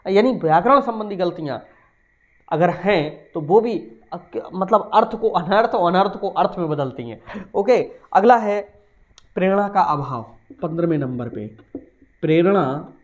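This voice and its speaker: High-voiced Indian man teaching commerce. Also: expressive, muffled recording. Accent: Hindi-speaking Indian. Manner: explains point by point, slow emphatic words, asks and answers himself. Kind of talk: recorded online lecture.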